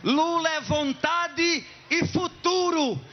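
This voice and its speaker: A man from Pernambuco, Brazil, declaiming rhyming folk poetry on an outdoor festival stage, shouting and chanting his verses to a crowd. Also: extremely high pitch, slow pace, muffled recording. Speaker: poet performer on stage.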